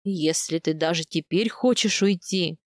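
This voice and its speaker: A woman voicing a stern older male steppe khan in an audiobook, talking slowly and firmly. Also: on the low side, dry recording, studio quality, voice pushed down, close to an everyday voice. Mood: grave, measured. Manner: slow, measured and firm.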